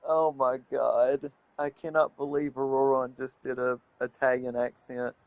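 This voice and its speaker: A man commenting on a video game as he plays, excitable and gushing. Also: mid-range voice, measured pace, no echo. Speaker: gaming streamer. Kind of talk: gameplay commentary.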